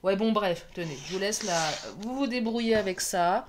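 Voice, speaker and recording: A woman's voice: mid-range voice, moderate pace, background noise. Chatty woman reading tarot. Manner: chatty, laughing often, self-mocking. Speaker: tarot card reader.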